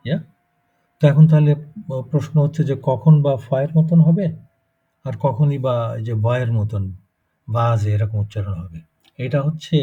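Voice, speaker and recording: A man's voice: mid-range voice, warm tone, breathy edge. A man with a Bangladeshi Bengali accent teaching German pronunciation in a live class, explaining step by step and checking in with students. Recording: muffled lo-fi recording.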